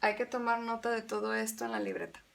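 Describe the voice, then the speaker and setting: Gravelly-voiced woman teaching grammar. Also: on the high side, very animated, very fast. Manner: patient, explains step by step, repeats examples; switches between Spanish and English. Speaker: English teacher. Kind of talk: bilingual grammar lesson.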